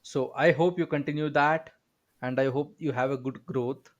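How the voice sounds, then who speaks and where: Male host, mid pitch, playful and teasing, casual podcast chat. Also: fairly even intonation, moderate pace, muffled recording. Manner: joking, teasing, with frequent filler backchannels.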